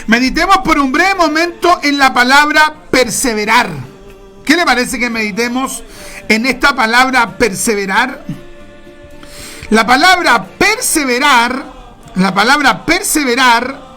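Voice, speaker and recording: A woman with a high-pitched voice preaches a sermon emphatically and repetitively, drawing out key words and occasionally breaking into shouts.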